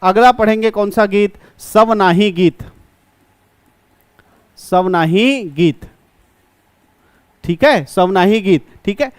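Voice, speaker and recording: A male coaching class teacher with a high-pitched, clean voice delivers an exam-prep lecture in a dry recording. He poses questions, answers them himself, and slowly repeats key terms.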